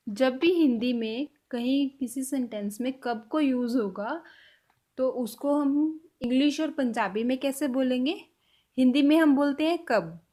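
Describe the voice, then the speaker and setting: A woman teaching a spoken language lesson. She says each example phrase slowly and carefully, and her voice drops quietly at the close of each point. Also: high-pitched.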